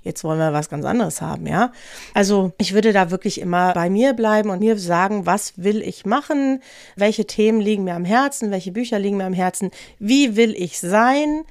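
A woman's voice: medium pitch, normal speed, a little mellow, no echo. A woman in her fifties co-hosting a podcast, speaking in a direct, emphatic, conversational way. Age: 50s. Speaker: podcast co-host. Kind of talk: casual discussion.

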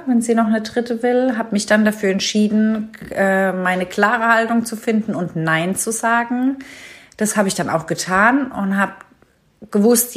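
A mother sending a voice message, telling a family anecdote in a relaxed way with many hesitations. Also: mid-range voice. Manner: unhurried storytelling with many fillers. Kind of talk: casual spoken anecdote.

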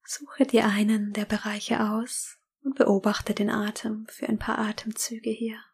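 A woman whispering a slow, calm guided meditation. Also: medium pitch, creaky, slightly rough.

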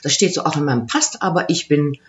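A woman's voice: sits low, lively intonation, quick pace, a little hiss or hum. Dutch-accented woman, fifties, chatty interview guest, muffled lo-fi sound. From Netherlands. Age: 50s. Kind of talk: interview conversation.

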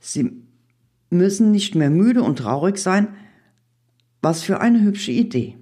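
A woman's voice: on the low side, very animated, extremely slow, dark tone, breathy edge, voice pushed up, heavily acted. Rapturous dreamy May, voiced by a woman. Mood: delighted. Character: delighted, dreamy male month May.

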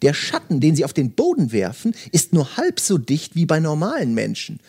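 A man reading aloud as a calm, polite talking cat with a thoughtful, matter-of-fact manner. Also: a little high, normal speed, breathy edge, pitched below the performer's own voice, full character voice. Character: calm, wise old cat, polite and curious.

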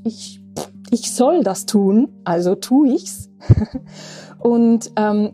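Slow, dark-voiced woman nearing sixty. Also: a little high. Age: 50s. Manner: slow, reflective, with frequent asking "ja?". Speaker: podcast host. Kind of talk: spiritual podcast monologue.

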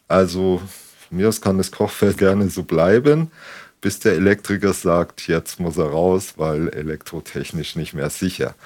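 A man with a low voice explains practical things as a consultant would on a home visit. His has a slight colouring, and he talks in a conversational, instructive way. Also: darkish tone. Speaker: energy consultant. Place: on location in a home kitchen.

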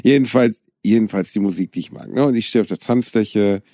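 A man's voice: lowish voice, brisk, warm tone, no room sound, studio quality. A young man co-hosting a comedy podcast, chatting casually with playful banter and jokey exaggeration. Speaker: podcast co-host.

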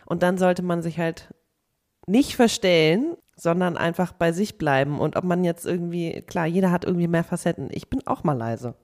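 A woman's voice: on the low side, normal speed, darkish tone. A young woman co-hosting a podcast, chatting casually and reading out listener letters, with frequent fillers. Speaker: podcast co-host.

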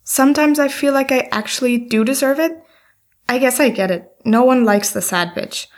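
An actress as a heartbroken young woman in an audio drama. Her voice is slightly high, and she talks in an anxious, apologetic way, putting herself down. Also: normal speed, close to an everyday voice. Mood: dejected. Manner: self-deprecating, apologetic. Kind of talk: scripted audio drama dialogue.

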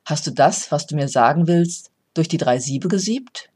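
A coach reading a parable, voicing a calm, wise old male philosopher who speaks slowly and gently instructs. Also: mid-range voice, slightly rough. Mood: calm, admonishing. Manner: slow, measured, gently instructive. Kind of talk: storytelling.

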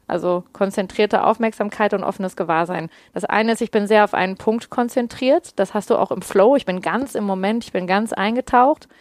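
A woman coaching on mindfulness in a casual podcast conversation, explaining calmly with everyday examples. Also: mid-range voice, no room sound. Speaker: mindfulness coach answering listener questions.

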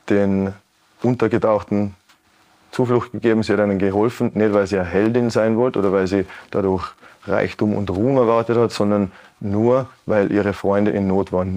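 A man in his late thirties from Tyrol with a Tyrolean Austrian accent, answering earnestly and thoughtfully in an interview, with many pauses and restarts. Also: fairly low pitch, a little mellow. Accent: Tyrolean Austrian German. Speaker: guest, Anne Frank House educator. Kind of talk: broadcast interview.

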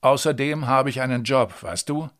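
A man's voice: medium pitch, moderate pace, fairly bright tone, natural voice. A man reading aloud as an irritated uncle who defends himself against his sister, in a storybook reading. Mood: annoyed. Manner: defensive, annoyed.

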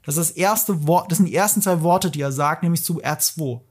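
A man hosting a podcast and chatting casually, animated and opinionated, with emphatic asides. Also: on the high side, fairly quick. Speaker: podcast host. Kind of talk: casual discussion.

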